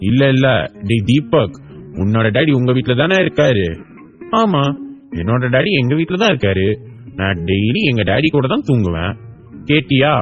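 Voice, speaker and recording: A man's voice: medium pitch, very animated, moderate pace, long pauses, muffled recording, soft background music, lightly acted. A man voicing a boastful little schoolboy who mocks a classmate, for an audiobook. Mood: taunting. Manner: mocking, boastful. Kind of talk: audiobook character voice.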